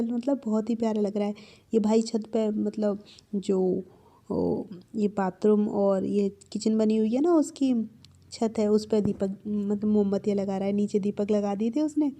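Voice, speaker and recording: A woman's voice: fairly high pitch, mellow. Chatty young woman narrating a home vlog. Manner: chatty, affectionate, laughs often. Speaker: vlogger. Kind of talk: casual festival vlog narration.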